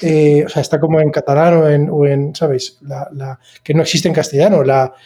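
A man's voice: on the high side, flat delivery, brisk, dark tone. Chatty man hosting a tech podcast. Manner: chatty, hesitant, many fillers and restarts. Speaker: podcast host. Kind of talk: casual podcast chat.

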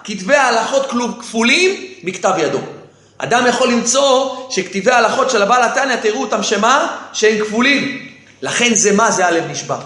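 A man's voice: extremely high pitch, expressive, sharp tone, reverberant. A man giving a sermon as a rabbi who keeps asking rhetorical questions and answering them himself, with key phrases repeated for emphasis. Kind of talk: sermon with storytelling.

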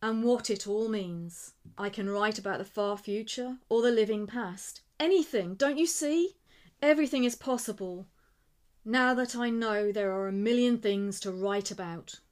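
A man's voice: high-pitched, smooth, natural voice. A woman playing an eager young writer. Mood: excited. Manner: excited, quick, rising with enthusiasm.

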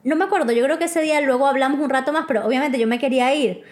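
A woman telling a story in casual chat with friends, animated and laughing, acting out what people said. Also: sits high, rapid-fire. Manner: animated, laughing, acts out quoted lines.

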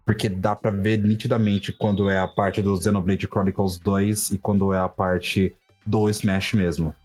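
A man's voice: deep voice, level tone, unhurried, darkish tone, faint music behind. A man with a Brazilian Portuguese accent talking casually and enthusiastically as a podcast participant. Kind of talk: casual, personal game discussion.

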